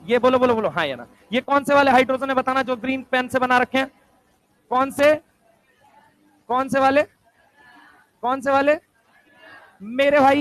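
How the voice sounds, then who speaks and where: A male chemistry teacher lecturing a class, firing quick rhetorical questions and answering them himself. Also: very high voice, a bit bright, no room sound, poor audio. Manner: answers his own questions aloud.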